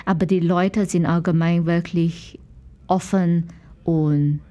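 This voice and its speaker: With a mellow, lowish voice, fairly even intonation and a slow pace, a woman from Malaysia talks as an interview guest in a Malaysian accent. A dancer and dance teacher whose native languages are English, Mandarin and Malay, she searches for words in a language she picked up later.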